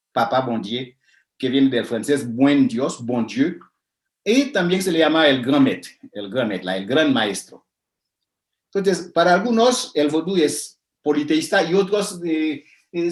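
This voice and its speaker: A man lecturing over slides in a fairly high voice, talking his way through ideas with frequent "eh" and restarts. The sound carries a noticeable room echo. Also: darkish tone. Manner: hesitant, many fillers and restarts, explanatory. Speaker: lecturer on religion. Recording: echoey room.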